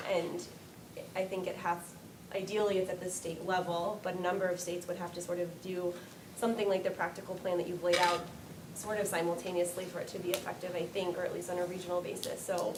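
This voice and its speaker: A woman's voice: fairly low pitch, little pitch movement, fairly quick. A young woman student asking a question from the audience, tentative and hedging. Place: lecture room, far from the mic. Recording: distant, echoey room with noise.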